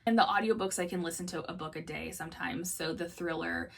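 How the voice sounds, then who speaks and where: Young woman book vlogger, lowish voice, chatty, recorded a little away from the mic. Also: steady tone, a little fast, gravelly, far from the mic. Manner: chatty, laughs often, acts out her own thoughts. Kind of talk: casual chat to camera.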